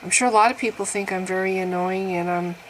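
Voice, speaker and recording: A woman in her early fifties vlogs at home, making fun of her own aches with big dramatic swings in her voice. Her pitch sits in the middle of the range, and a faint hiss lies under the talk. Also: steady tone, fast, rough recording. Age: 50s. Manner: wry, exaggerated, laughing at herself, swings in pitch and loudness. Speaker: vlogger. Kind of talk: casual self-mocking monologue to camera.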